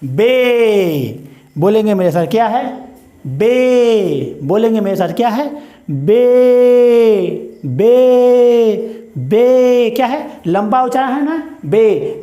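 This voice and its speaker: A man teaching English pronunciation in a spoken lesson, with an Indian accent, who stretches words out slowly and keeps asking "what is it?". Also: extremely high pitch, animated, warm tone, roomy sound. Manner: repeats words slowly and drawn out, asks "what is it?".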